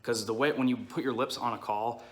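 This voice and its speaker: A man's voice: mid-range voice, fairly even intonation, a little fast. A man giving a casual, hands-on tutorial as an instructor, explaining informally and often checking in with the listener. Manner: informal, explanatory, frequent check-ins like "okay" and "all right". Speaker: duck-calling instructor.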